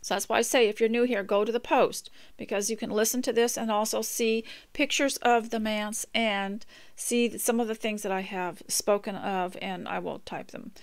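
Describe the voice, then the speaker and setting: A woman's voice: medium pitch, fairly even intonation, moderate pace. Older woman hosting a rambling homemaking talk. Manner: rambling, gentle, with frequent restarts and asides. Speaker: homemaking radio host. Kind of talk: casual homemaking talk with poem reading.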